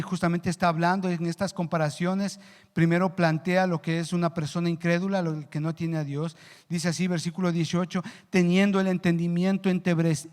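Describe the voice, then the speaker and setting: High-voiced man preaching in reverb. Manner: earnest preaching, rises in pitch and volume for emphasis; slows down to stress key words. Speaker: pastor. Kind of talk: sermon. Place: church hall. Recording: long church reverb.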